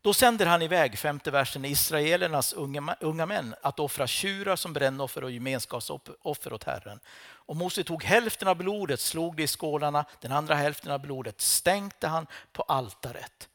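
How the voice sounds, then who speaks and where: A man's voice: fairly high pitch, animated. Dramatic male preacher. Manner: dramatic storytelling, swings between loud and hushed. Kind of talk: sermon.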